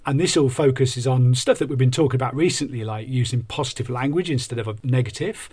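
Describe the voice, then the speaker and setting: A man's voice: mid-range voice, fast talker, a little mellow, slightly rough. A man co-hosting a podcast conversationally, explaining ideas with examples like an upbeat life coach. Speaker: podcast co-host and workshop coach.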